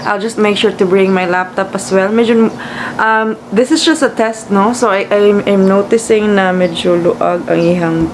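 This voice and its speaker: A woman's voice: medium pitch, steady tone, moderate pace. A woman from the Philippines with a Cebuano Filipino accent, just woken up, chatting casually and rambling as she vlogs, switching between English and Cebuano. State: just woke up. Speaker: vlogger. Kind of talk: casual vlog chat. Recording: clearly noisy room, air-conditioner-like hum.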